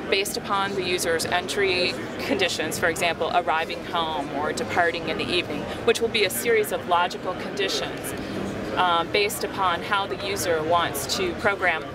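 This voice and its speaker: A man presenting software at a trade show booth, explaining steadily with frequent ums. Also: sits high. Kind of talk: product demo. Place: busy trade show floor. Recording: loud crowd noise behind. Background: loud crowd chatter.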